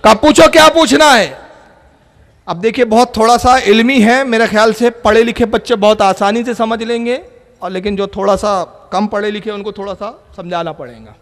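A man with a strikingly high voice preaches a sermon to a crowd, spinning a story and voicing each character's lines himself. His voice now drops low and intimate, now climbs to a shout. A long hall reverb trails every phrase. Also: fairly even intonation. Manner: storytelling preacher acting out dialogue, rising to shouts. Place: public religious gathering.

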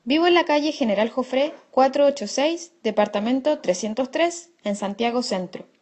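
A Chilean woman with a high voice reads a friendly scripted self-introduction for language learners, listing her address and phone number one item at a time. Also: animated, moderate pace, a little mellow. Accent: Chilean Spanish. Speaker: voice actor in a language lesson.

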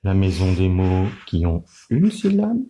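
A man giving a children's lesson on counting syllables, speaking slowly and clearly in a sing-song teacher's manner. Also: deep voice, huge pitch swings, warm tone, a little hiss or hum.

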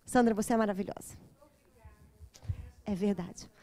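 A woman with a Brazilian Portuguese accent giving a chatty, animated classroom lecture as teacher and therapist, often checking in with her listeners. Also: mid-range voice, normal speed. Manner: animated, chatty, often adds "né?" and "gente", acts out dialogues. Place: classroom at a community center.

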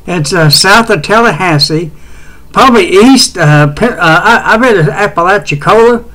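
A man's voice: sits high, normal speed, bright, forceful tone, low-quality recording. A middle-aged man with a West Tennessee Southern accent, hosting a casual home weather show, rambling with many fillers and restarts. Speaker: amateur weather show host.

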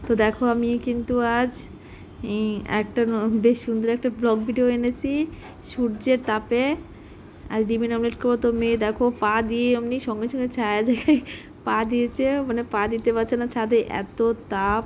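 A woman with a slightly high, hoarse voice talks casually to her viewers, calling them friends as she films outside on a sunny rooftop. Her phone recording carries clear outdoor noise behind her. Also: level tone, brisk, darkish tone. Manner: chatty, addresses viewers as friends. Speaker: vlogger. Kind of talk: casual vlog narration.

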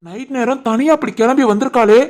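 Casting: woman playing a hot-tempered young husband in a cartoon, Tirunelveli Tamil accent, fairly high voice, scolding. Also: quick pace, darkish tone, lightly acted. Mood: angry. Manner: scolding, stern. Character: young husband and son, short-tempered man. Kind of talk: animated family drama voicing.

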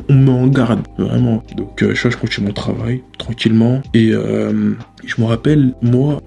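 A young man telling a casual, rambling story about his job, slangy and relaxed, with frequent asides to the listener. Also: mid-range voice, vocal fry. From Paris area.

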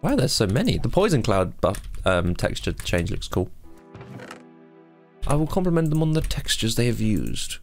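A man's voice: medium pitch, sing-song, moderate pace, soft background music. Male let's-player, mid-range voice, playful and mock-dramatic. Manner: joking, theatrical asides, mock-dramatic. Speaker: gaming YouTuber. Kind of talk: let's play commentary.

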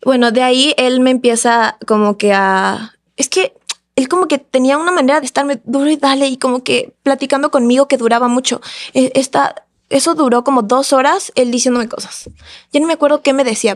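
A woman, a podcast guest telling a personal story in a casual, animated way and acting out the voices of the people in it. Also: high-pitched, fairly quick. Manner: animated, acts out the voices of others in her story.

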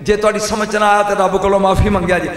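Punjabi preacher wailing in an echoing hall. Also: male voice, level tone, quick pace. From Pakistani Punjab. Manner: emotional, swings from hushed storytelling to high wailing shouts, calls out to listeners. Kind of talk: impassioned religious sermon. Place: large gathering before a crowd. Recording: booming echo of a big hall.

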